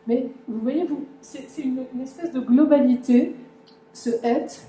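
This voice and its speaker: A woman's voice: high-pitched, unhurried, mellow. A woman giving a conference lecture, talking to the audience with many fillers and restarts. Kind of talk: conference talk explaining a language. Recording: echoey lecture room.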